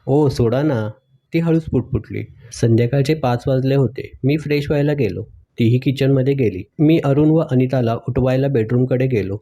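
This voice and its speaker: A man narrating a story aloud in a calm, steady reading manner. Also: mid-range voice, a little fast, hardly any pauses.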